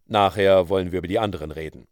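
A suave male outlaw speaks low and unhurried, calm and quietly threatening, as a man puts him on. The sound is dry and close. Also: dry recording, natural voice. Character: smooth menacing male outlaw, coolly persuasive.

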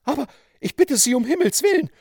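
A man voicing an indignant, flustered respectable woman in a high, shrill, exclaiming voice. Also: lively intonation, unhurried, creaky, dry recording, clean studio sound, heavily acted.

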